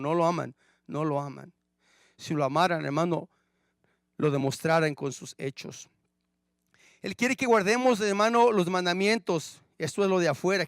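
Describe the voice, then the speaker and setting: High-pitched preacher with dramatic swings. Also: male voice, vocal fry, no echo. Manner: addresses listeners as brother, frequent rhetorical questions; dramatic swings between loud emphasis and hushed low asides. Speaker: pastor. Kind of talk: sermon.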